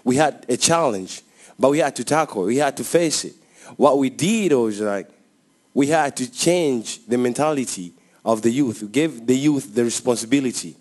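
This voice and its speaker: Man, 20s, South African accent, earnest, passionate, halting restarts, mid pitch. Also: lively intonation, a little mellow. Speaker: youth presenter. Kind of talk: speech to a panel.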